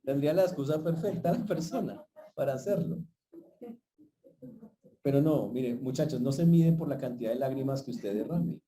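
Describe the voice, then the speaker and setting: A man preaches from the pulpit, talking straight to his congregation and often pausing with a short "¿ok?". His voice is very dark and mellow, at a middling pitch. A faint noise sits behind him. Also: low-quality recording. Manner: preaching directly to the congregation, checking in with frequent "¿ok?". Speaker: pastor. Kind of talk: sermon.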